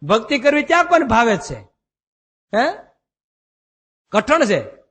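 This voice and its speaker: A man preaching a devotional sermon, chanting verses slowly and telling stories in a folksy way. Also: extremely high pitch, fairly bright tone. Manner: chants verses slowly, then explains in a folksy storytelling manner. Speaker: swami preacher. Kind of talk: Gujarati devotional sermon with storytelling. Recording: long hall reverb.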